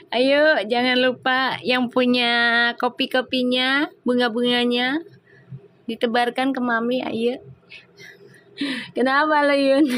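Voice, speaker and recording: Chatty high-voiced woman live streaming. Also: fairly bright tone. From Indonesia. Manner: chatty, laughs often, reads viewer comments aloud. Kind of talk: casual live stream chat.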